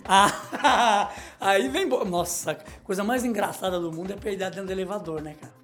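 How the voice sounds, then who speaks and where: A middle-aged man hosts a comedic radio show. He jokes, rambles and reads news items aloud in a small studio, with his pitch swinging up and down as he talks. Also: normal speed, fairly bright tone, soft background music. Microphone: studio microphone.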